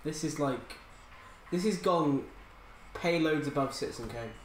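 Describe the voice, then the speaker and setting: A man's voice: a little high, a little slow, reverberant, slight background noise, low-quality recording. A man co-hosting a gaming video, teasing his friend with dry banter. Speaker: co-host. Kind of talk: casual gaming commentary.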